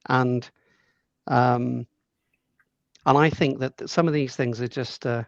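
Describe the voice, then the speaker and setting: Measured middle-aged man, gravelly and dry. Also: mid-range voice, dry recording, lo-fi sound. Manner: measured, thoughtful, repeats words as he thinks. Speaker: podcast guest. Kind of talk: conversational interview answers.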